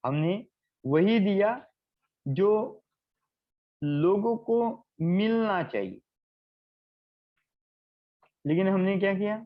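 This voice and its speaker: A man's voice: high voice, highs cut off. A man leading an online healing class, explaining with acted everyday examples and often checking that his students follow. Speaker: healing trainer.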